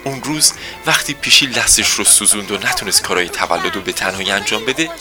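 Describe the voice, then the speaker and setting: A man narrating a children's story in a gentle storytelling manner. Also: on the low side, over music.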